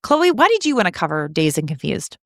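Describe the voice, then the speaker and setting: A woman in her thirties with a Southern American accent, co-hosting a film podcast in a chatty, animated way with quick restarts. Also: low voice, no room sound, clean studio sound. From Southern United States. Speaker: podcast co-host. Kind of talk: casual film podcast chat.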